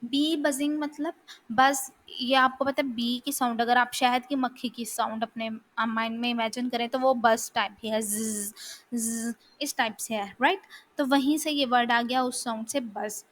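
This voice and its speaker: A woman's voice: a little high, fairly even intonation, moderate pace, a bit bright. A woman lecturing on linguistics in a casual, explanatory way, often asking a question and then answering it herself. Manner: explanatory, asks and answers her own questions. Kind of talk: casual lecture in mixed Hindi-Urdu and English. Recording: faint background noise.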